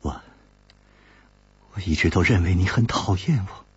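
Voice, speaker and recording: A man voicing a proud, sharp-tongued young swordswoman, speaking in a soft, low, teasing way. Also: a little slow, husky, dry recording, exaggerated voice. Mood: tender. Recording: dull lo-fi recording.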